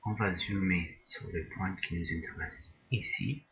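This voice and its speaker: A man teaching a software drawing tutorial, talking slowly and hesitantly, often repeating words as he works. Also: low-pitched, highs cut off. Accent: non-native English pronunciation. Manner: slow, hesitant, repeats words while working. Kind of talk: screen-recorded software tutorial.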